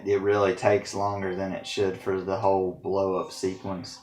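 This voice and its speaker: A man's voice: sits low, completely flat delivery, moderate pace, a little mellow, a little hiss or hum. A man giving playful let's-play commentary while he games, teasing the bosses and throwing in silly exclamations. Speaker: gamer. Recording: echoey room with game music. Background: game music.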